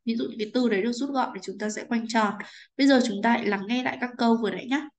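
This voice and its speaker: A woman teacher with a Vietnamese accent guides a class through an English exercise. Her voice sits slightly high. She explains patiently and keeps asking whether students follow. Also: rapid-fire. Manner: patient, asks "right?" often. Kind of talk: explaining a textbook lesson.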